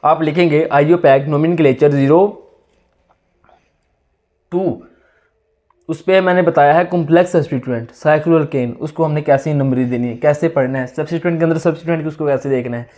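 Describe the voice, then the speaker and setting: A male chemistry teacher with a noticeably high voice lectures while nursing a sore throat. He keeps firing questions at his students and answering them himself, echoing each answer back. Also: brisk, warm tone. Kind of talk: classroom lecture.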